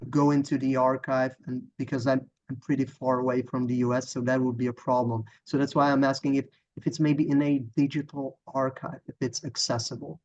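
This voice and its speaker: Czech student, flat delivery, halting, dull call audio. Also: male voice, medium pitch, a little hiss or hum. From Czech Republic. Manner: halting, searching for words, apologetic. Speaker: student asking a question. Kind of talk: audience question on a video call. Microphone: video call.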